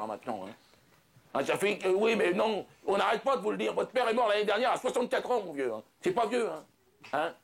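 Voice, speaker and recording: A man doing a blunt, worn-out doctor on a late-night house call, who chatters impatiently and throws in laughing asides. His voice is fairly high with a gravelly fry. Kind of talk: stand-up comic sketch.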